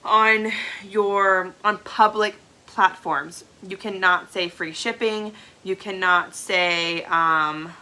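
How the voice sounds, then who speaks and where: A young direct sales team leader, stuffed up with congestion, trains new sellers on a live stream from a home room with a product shelf, chatting casually and often checking in with "okay?". Her mid-range voice is pushed and bright, steady in tone, and slow, with hardly any pauses.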